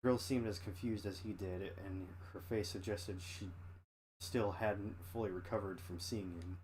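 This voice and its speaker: A man's voice: on the low side, steady tone, moderate pace, darkish tone. A man reading a story aloud as a streamer, stumbling over words and correcting himself between casual asides. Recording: clearly noisy home stream recording.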